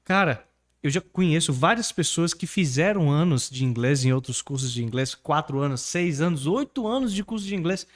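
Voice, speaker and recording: A man from Brazil teaching English online, pitching his course and coaching pronunciation with energy. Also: moderate pace. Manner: energetic, persuasive, asks the viewer to repeat words.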